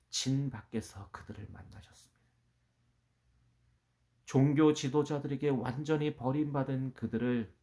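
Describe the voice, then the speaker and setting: Male pastor mid-sermon, dynamic delivery: whispered low lines, then big rising proclamations. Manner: swings from hushed, near-whispered lines to loud, rising declarations. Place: church.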